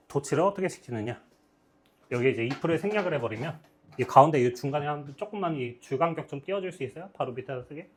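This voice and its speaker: A man's voice: medium pitch, slight background noise. A man teaching English grammar in a classroom lecture, explaining step by step and checking with the class again and again.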